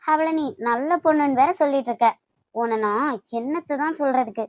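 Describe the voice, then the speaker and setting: A woman voicing a fussy, sharp-tongued young woman in a cartoon, with a Kanyakumari Tamil accent. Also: high-pitched, brisk, no echo, natural voice. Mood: irritated. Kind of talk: amateur cartoon voice acting.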